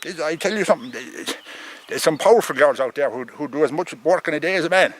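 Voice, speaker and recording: A man's voice: fairly high pitch, expressive, fast talker. A man with a thick rural Irish accent giving a rambling comic monologue as an opinionated farmer, stammering, repeating himself and swearing.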